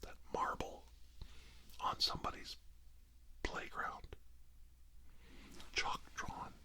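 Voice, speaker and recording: Whispering mostly unvoiced and breathy, a man working as an ASMR reiki healer guides a healing session; his hushed, soothing delivery comes in short phrases with long pauses.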